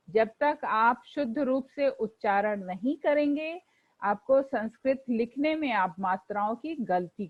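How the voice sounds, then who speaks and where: Slow, patient woman teacher, dull recording. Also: on the high side. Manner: slow and patient, reciting word forms aloud for pupils to repeat. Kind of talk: classroom lesson explaining textbook exercises.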